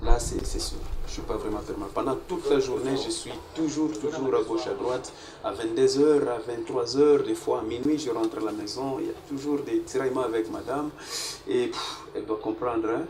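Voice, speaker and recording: A man's voice: mid-range voice, fairly quick, hardly any pauses, crowd noise. A man, answering as a guest artist in a casual interview, laying out his plans at length and mixing in Swahili words. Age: 40s. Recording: echoey room, distant mic, noisy.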